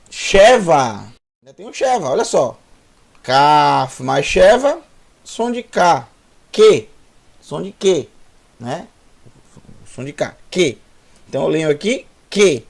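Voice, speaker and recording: Brazilian guy teaching hebrew letters, kinda high voice, talks real slow, repeats everything. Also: vocal fry. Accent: Brazilian Portuguese. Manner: slow, repetitive drilling of sounds, with restarts. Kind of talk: online language lesson.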